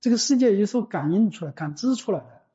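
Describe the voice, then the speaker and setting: A Buddhist teacher giving a slow, deliberate dharma talk, often pausing to ask the listeners whether they follow. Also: mid-range voice, animated, dark tone. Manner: slow and deliberate, often asking "you know?". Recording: dull lo-fi recording.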